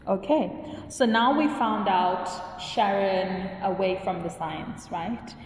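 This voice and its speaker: A woman's voice: medium pitch, takes it slowly, slight background noise. A woman hosting a science podcast, asking curious, encouraging questions. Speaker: podcast host. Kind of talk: podcast interview. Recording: echoey room with long reverb.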